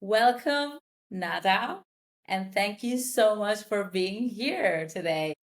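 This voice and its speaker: A woman's voice: mid-range voice, animated, slow. A woman hosting a casual interview, prompting her guest and checking in with questions. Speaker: podcast host.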